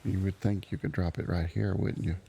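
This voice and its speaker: Man, deep, creaky, hesitant, casual role-play guide. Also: little pitch movement, dark tone, a little hiss or hum. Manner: hesitant, halting.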